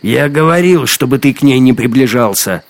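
A man voicing a brutal, gloating young male hunter who shouts and mocks in a storybook reading. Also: deep voice, animated, a little slow, gravelly, no room sound, full character voice. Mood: shouting. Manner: shouting, menacing, mocking. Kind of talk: audiobook character acting.

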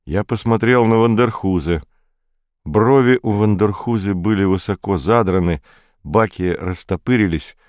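A man narrating an audiobook in the first person, in a measured way. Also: on the low side, a little mellow, clean tone, no room sound, clean studio sound.

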